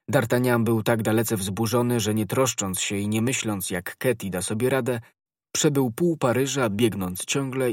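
A man narrating a classic novel as an audiobook in a measured reading. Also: medium pitch, dry recording, clean studio sound. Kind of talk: storytelling narration.

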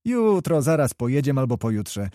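A man's voice: medium pitch, very animated, moderate pace, mellow, no room sound, clean studio sound, natural voice. A man voicing a rowdy male nobleman comrade who teases and sings drinking songs.

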